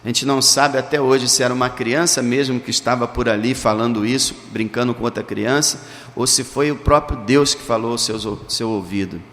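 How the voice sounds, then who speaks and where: A man's voice: medium pitch, fairly even intonation, moderate pace, a bit bright. A male pastor, preaching a sermon and telling stories with emphatic, dramatic stresses. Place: church. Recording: reverberant church hall.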